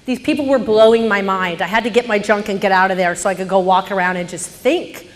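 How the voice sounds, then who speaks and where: A woman telling a personal story on stage, animated, swinging from hushed narration to loud indignation. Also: medium pitch, a little fast, in a large hall.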